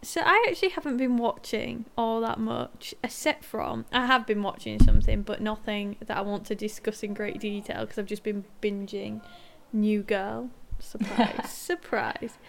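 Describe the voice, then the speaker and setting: A woman's voice: mid-range voice, normal speed, gravelly, few pauses, slight background noise. A young woman chatting casually about shows and books, in a playful, wry way.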